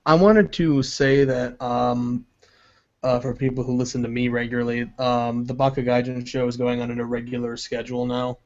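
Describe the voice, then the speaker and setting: A man's voice: medium pitch, level tone, normal speed, a little mellow. A man of about twenty co-hosting a podcast in casual, conversational talk. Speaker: podcast co-host. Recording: dull lo-fi audio.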